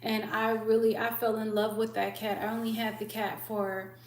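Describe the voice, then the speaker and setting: A woman's voice: a little high, normal speed. A woman hosting a livestream, chatting casually and telling stories animatedly, acting out voices as she goes. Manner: animated storyteller who acts out voices. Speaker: livestream host. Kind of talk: casual chat. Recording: echoey room with faint hum.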